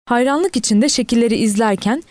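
A woman reading a novel aloud in steady audiobook narration, lightly voicing the quoted characters. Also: fairly high pitch, fairly quick, dry recording.

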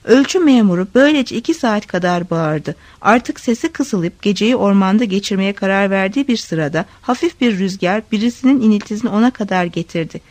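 A woman reading a story aloud, expressive storytelling. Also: medium pitch, a little fast, hardly any pauses, dry recording. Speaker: narrator.

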